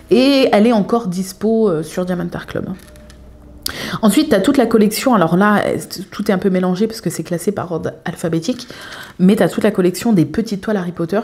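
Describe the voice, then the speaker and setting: A young woman chatting casually as a craft vlogger, showing her collection with many filler pauses. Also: lowish voice, a little mellow, husky. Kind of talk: casual show-and-tell chat.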